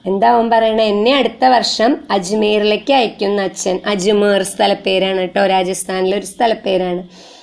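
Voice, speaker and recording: Woman teacher with a gravelly edge, walking students through a story for an exam, asks and answers her own questions. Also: mid-range voice, fairly even intonation, darkish tone. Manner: reads Hindi lines slowly, then explains them. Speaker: Hindi teacher. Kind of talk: exam lesson explaining a story.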